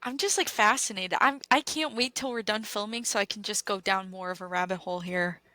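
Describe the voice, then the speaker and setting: Bright, giggly young woman co-host. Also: medium pitch, a little fast, no echo, poor audio. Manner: animated, giggly, trails off mid-sentence. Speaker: podcast co-host. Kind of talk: casual chat.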